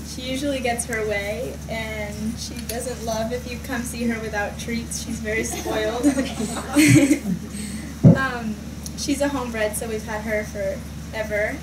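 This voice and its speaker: An eighteen-year-old woman from Virginia, a show jumping rider, speaking cheerfully with fillers in a post-competition interview. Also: a little high. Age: young adult. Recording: loud noise, echoey, distant.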